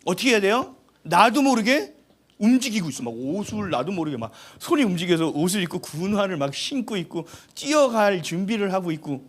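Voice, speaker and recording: A male pastor preaching a sermon in an animated, humorous, exhorting way. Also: high-pitched, brisk.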